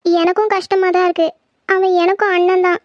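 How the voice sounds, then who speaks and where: A woman voicing a gentle, sad older female cousin who comforts a grieving girl in a cartoon. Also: very high-pitched, flat delivery, fairly quick, no echo, lo-fi sound, voice pushed up. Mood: consoling.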